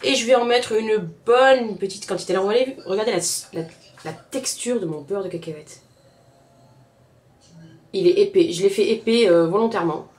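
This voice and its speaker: A woman's voice: medium pitch, moderate pace, darkish tone. A woman with a Southern French accent, chatting casually as a home cook while she demonstrates a recipe and talks straight to her viewers. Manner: chatty, addresses viewers directly, repeats words often. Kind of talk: casual cooking tutorial. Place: home kitchen.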